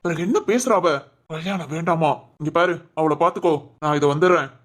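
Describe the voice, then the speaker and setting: A man's voice: on the high side, a little fast, a bit bright. A man voicing a blunt, hot-tempered young man in a cartoon, sounding curt and irritated. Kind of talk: cartoon voice acting.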